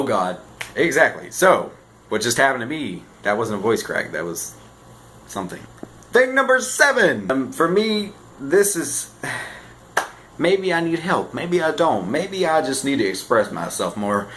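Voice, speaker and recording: Teen dude joking thru his vlog, lowish voice, goes loud then mumbly, faint room hum. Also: poor audio. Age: teens. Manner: animated, self-mocking, jumps between loud and quiet. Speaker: vlogger. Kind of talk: casual comedic vlog. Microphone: camera on a shaky stand.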